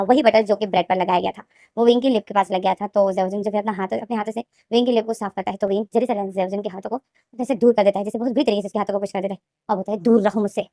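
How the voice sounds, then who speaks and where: A woman casually retelling a fan-fiction story, talking rapidly and repeating names and phrases. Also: medium pitch, darkish tone, no room sound, studio quality.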